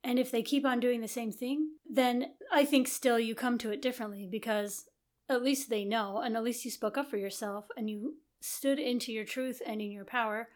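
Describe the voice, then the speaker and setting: A woman's voice: on the high side, steady tone, moderate pace. A middle-aged woman co-hosting a casual marriage podcast, talking in a chatty, encouraging way. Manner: chatty and encouraging, with many affirming murmurs. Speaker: podcast co-host.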